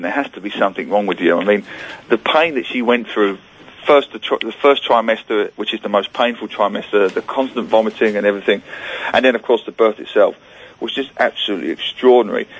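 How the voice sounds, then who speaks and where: Over poor audio, a medium-pitched man calls in as a guest on a radio show. A book author who grew up in Singapore, he tells chatty, self-deprecating stories and acts out the lines he quotes.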